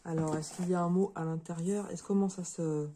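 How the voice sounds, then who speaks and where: A slightly hoarse woman chatting casually to her viewers as she opens a parcel, with many fillers and restarts. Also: fairly low pitch, fairly even intonation, fairly quick, dark tone, slight background noise. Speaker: crafting video creator. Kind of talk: casual unboxing chat to viewers.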